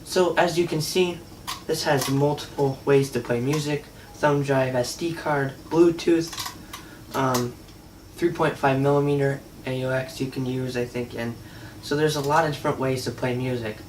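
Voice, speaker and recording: In this clip a product reviewer, a man with a medium-pitched, steady voice, demos a product at a moderate pace in a loose, unscripted, hesitant way. There's slight background noise, the mic is distant, and faint music comes through at times.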